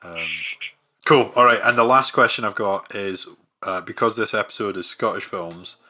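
A man's voice: on the low side, normal speed. A man hosting a podcast, chatting casually and rambling with lots of fillers. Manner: relaxed, rambling with many fillers. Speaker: podcast host.

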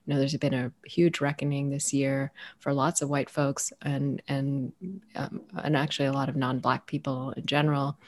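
A woman author raised in the United States, speaking as a guest in an interview, reflective and searching for her words with many pauses and fillers. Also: a bass voice, little pitch movement.

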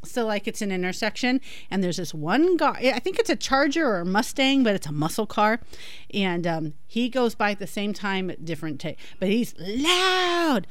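A woman's voice: medium pitch, expressive, a little fast, no room sound. A woman co-hosting a casual podcast from her patio, bantering in a profane, self-mocking way. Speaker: podcast co-host. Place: outdoor patio at home.

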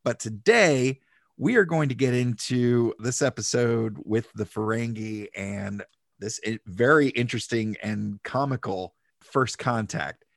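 Podcast host guy, gravelly voice, loose jokey recap, dry close mic. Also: mid-range voice, a little slow, dry recording. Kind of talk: casual podcast chat and episode recap.

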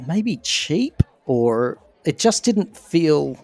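A man co-hosting a podcast, chatting in a warm, reassuring, enthusiastic way while he is losing his voice. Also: a little high, big pitch swings, very slow, dry recording. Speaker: podcast co-host. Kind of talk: casual fan chat.

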